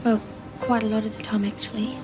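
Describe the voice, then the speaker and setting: An actress playing a sensitive, hurt young Australian bride-to-be in a television soap, wounded and emotional. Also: female voice, medium pitch, little pitch movement, a little fast, close to an everyday voice. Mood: guarded. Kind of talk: television soap drama acting. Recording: TV soundtrack, faint music.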